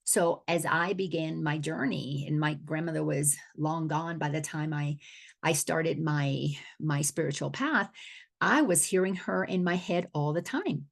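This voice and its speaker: A middle-aged woman from the Dominican Republic teaches as a spiritual coach in an earnest, unscripted way. Her voice sits low and carries a gravelly fry. She often repeats a word as she restarts a thought. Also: unhurried. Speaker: awareness coach.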